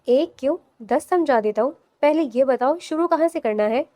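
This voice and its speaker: A woman voicing a calm, amused young husband in an audio novel, teasing his bride with unhurried replies. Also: sits high, dry recording.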